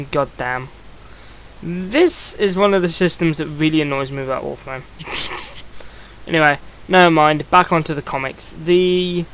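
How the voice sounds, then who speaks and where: A man's voice: a little high, clean tone. A young man giving a casual video review, rambling and chatty, often restarting his sentences. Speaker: comic book reviewer.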